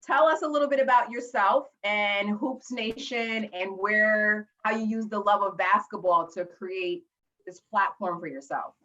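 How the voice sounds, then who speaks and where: A woman's voice: medium pitch, steady tone, measured pace, pushed and bright. A woman hosting a show over a video call, chatty and upbeat as she introduces her guest. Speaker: host. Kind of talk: casual interview. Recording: dull lo-fi call audio.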